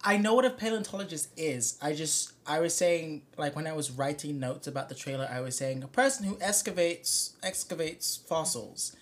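A young man hosting a casual podcast, his bright voice swinging up and down in lively intonation. He talks loosely, hedging often with fillers as he sums things up. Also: on the high side, normal speed, few pauses. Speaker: podcast host.

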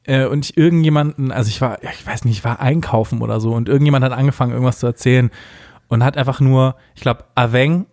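A man's voice: medium pitch, fairly even intonation, fast, a little mellow, no room sound. A young man with a slight Franconian German accent and a rolled r, chatting casually as a podcast co-host.

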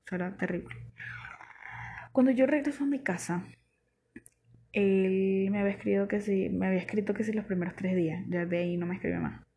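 Young Venezuelan woman vlogger, mellow warm voice, faint noise behind, casual slangy storytelling. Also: medium pitch, a little fast, vocal fry, pauses often. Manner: chatty, animated, slangy, laughs often.

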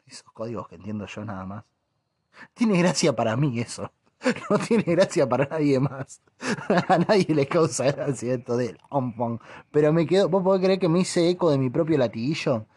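Young Argentine man, slightly high voice, rambling jokey podcast host, dry booth sound. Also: expressive, normal speed, darkish tone, breathy edge, no echo. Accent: Argentine Rioplatense Spanish. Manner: rambling, joking, mock foreign accents. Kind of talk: casual comic monologue.

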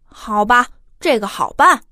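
Curious, impatient storybook child, acted by a woman: high-pitched, exclamatory, pleading. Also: expressive, unhurried, sharp tone, a little hiss or hum. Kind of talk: children's audio story acting.

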